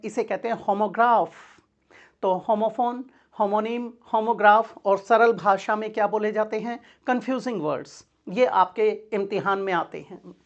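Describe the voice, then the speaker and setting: Female grammar teacher with a somewhat high voice; patient question-and-answer delivery, slightly muffled recording. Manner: explains step by step, asks the class questions and answers them herself; calls her students "beta". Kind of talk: exam-prep grammar lesson.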